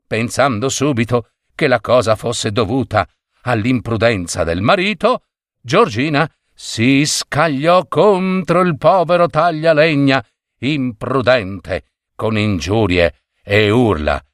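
A man's voice: mid-range voice, expressive, takes it slowly, no echo, clean studio sound. A man narrating a fairy tale expressively, with playful asides. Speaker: storyteller.

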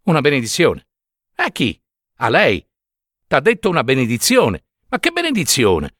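A man's voice: medium pitch, huge pitch swings, moderate pace, fairly bright tone, dry recording, clean studio sound. A man voicing a grumpy old village priest who huffs and talks in an exasperated way, read as part of a story. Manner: exasperated, huffing.

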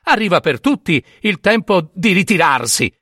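Brief: taunting, sly young male sun god, lively swooping delivery, put on by a male storyteller, dry close sound. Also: high voice, moderate pace, slightly rough, no echo, exaggerated voice. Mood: sly teasing. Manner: teasing, gloating.

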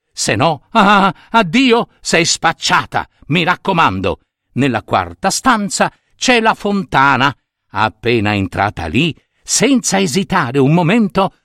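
A wise old grandmother figure in a spoken fairy tale, as a male storyteller puts her on. She talks slowly and soothingly, and her voice dips low when she gives her careful instructions. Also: a bit bright, no echo, studio quality, full character voice. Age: older. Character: kindly old woman, wise helper.

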